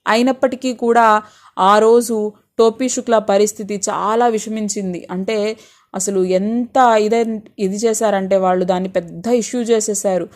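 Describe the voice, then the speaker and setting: A woman's voice: medium pitch, steady tone, a little slow, darkish tone. A woman teacher explaining a textbook lesson to students. She reads a passage aloud, then explains it patiently, asking questions and answering them herself. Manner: patient, asks and answers her own questions.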